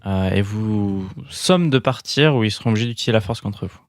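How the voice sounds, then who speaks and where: A man's voice: on the low side, lively intonation, fairly quick, dry recording, studio quality. A man improvising the narration of a tabletop fantasy game as its game master.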